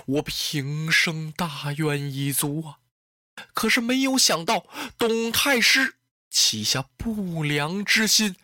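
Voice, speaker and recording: A storyteller voicing a young beauty who pleads tearfully and then scolds, in slow, drawn-out lines. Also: medium pitch, sharp tone, no echo, clean studio sound, heavily acted. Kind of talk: traditional storytelling.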